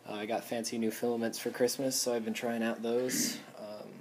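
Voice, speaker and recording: A man's voice: medium pitch, little pitch movement, fairly quick. A young man in his garage, casually walking through his projects and explaining each piece as he goes. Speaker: hobbyist vlogger. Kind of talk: casual show-and-tell. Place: home garage, indoors. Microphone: handheld camera.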